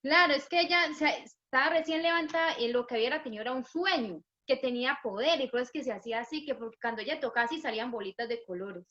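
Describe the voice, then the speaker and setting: A woman, a pastor's wife, telling a lively family anecdote in a casual chat at home. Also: high voice, fast talker, few pauses. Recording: dull lo-fi sound.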